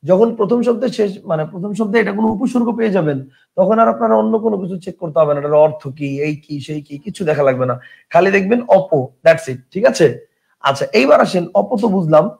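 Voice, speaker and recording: Male tutor, high and gravelly, explains step by step with questions. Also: darkish tone. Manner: drawls example words slowly, mixes in English words. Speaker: teacher. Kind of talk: Bengali grammar lesson.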